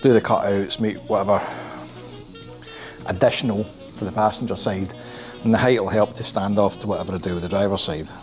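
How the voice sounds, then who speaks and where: Man, lowish voice, solo garage build vlog, muttering, wry. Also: fairly even intonation, brisk, faint music behind. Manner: muttering, self-deprecating, swears under breath. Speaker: kit car builder. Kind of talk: workshop build vlog, thinking aloud. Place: home garage workshop.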